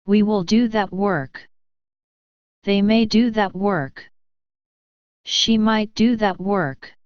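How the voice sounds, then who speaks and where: A woman reading practice sentences aloud one by one for a lesson, slow and deliberate. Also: medium pitch, darkish tone, clear, resonant tone, no echo. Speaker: pronunciation model reader. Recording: dull dry lo-fi audio.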